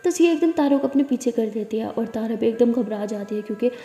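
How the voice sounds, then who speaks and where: A woman's voice: fairly high pitch, lively intonation, fast, mellow. A woman narrating a love story in a casual, conversational storytelling style, in an echoey room. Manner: conversational, plain retelling. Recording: echoey room with long reverb.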